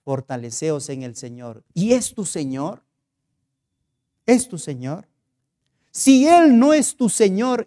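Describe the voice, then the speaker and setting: A pastor with a Peruvian Spanish accent preaches a sermon, telling stories and posing earnest rhetorical questions. His voice sits high and has a warm tone.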